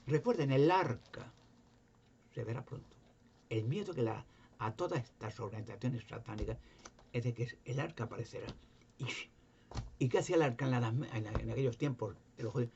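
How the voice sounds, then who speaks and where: In a dull lo-fi home recording with faint noise, a male religious video preacher reads Bible verses aloud and explains them informally, using emphatic rhetorical questions. His warm, creaky voice is medium-pitched and a little fast, with frequent pauses.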